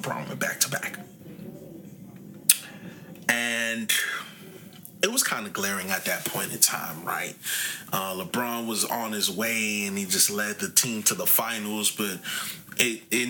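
A man in his late twenties hosting a casual sports podcast, animated and talkative, his voice jumping up when he gets excited. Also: lowish voice, noisy background. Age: 20s. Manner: animated, rises to near shouting when excited. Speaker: podcast host.

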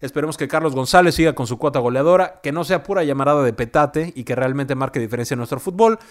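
Man, Mexican accent, football analyst, conversational, tags his points with quick questions. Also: medium pitch. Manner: conversational, frequent "¿no?" tags and "este" fillers.

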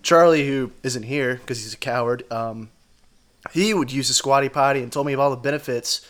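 A man's voice: mid-range voice, brisk, a bit bright. Male podcast guest, mid-range voice, casual, crude and self-deprecating humor. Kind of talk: casual chat.

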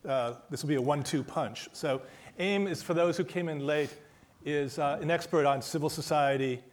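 A man's voice: fairly high pitch, normal speed. A man moderating a panel event, introducing the next speaker in a loose way with many fillers.

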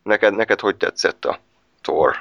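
A man's voice: on the low side, vocal fry, fairly bright tone, no echo, lo-fi sound. A man casually reviewing superhero films with a friend, talking in a hesitant way with many fillers and restarts. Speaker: film reviewer. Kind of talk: casual film review chat.

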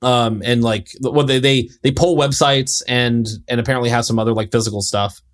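A man's voice: medium pitch, fairly even intonation, fairly quick. A young man co-hosting a podcast, talking loosely with lots of fillers in casual chat. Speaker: podcast co-host.

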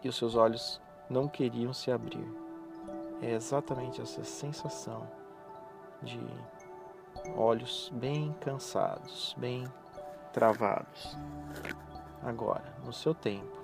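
With clear music behind him, a man leads a hypnotic relaxation in a soft, medium-pitched voice marked by noticeable fry. He works as a hypnotherapist, and his soothing phrases come slowly and repetitively, with pauses in between.

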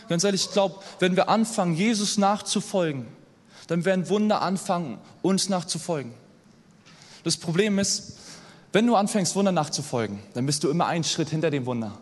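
A young man preaching a sermon in a lively, conversational way, often checking in with his listeners. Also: sits high. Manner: lively, conversational, asks the audience "oder?" often. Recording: long hall reverb.

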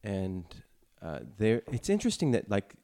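A man co-hosting a casual talk, speaking haltingly with dry quips. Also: fairly low pitch, wildly swooping pitch, mellow, clear, resonant tone. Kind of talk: casual chat.

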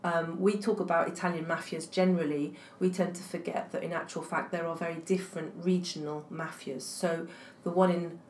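A woman from England whose first language is French answers interview questions as an academic guest. Her voice is lowish with a level tone, and she speaks thoughtfully, with many ums, fillers and restarts. The room is echoey, with a faint hiss in the background.

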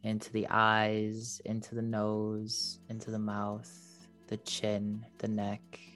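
Meditation guide, airy breathy healer manner, slow and soothing, music behind the voice. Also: medium pitch, monotone, fairly bright tone. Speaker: podcast host leading a meditation.

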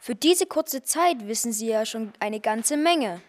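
A woman's voice: a little high, lively intonation, a little slow, pitched below the performer's own voice. A woman voicing a kindly man who poses as a wizard in a children's audio story, explaining things patiently and chattily.

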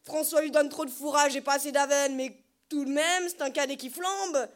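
A woman voicing a gruff old farmer uncle in an audiobook, with loud, rustic scolding. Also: sits high, fairly even intonation, moderate pace, close to an everyday voice. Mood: jovial. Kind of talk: audiobook character voice.

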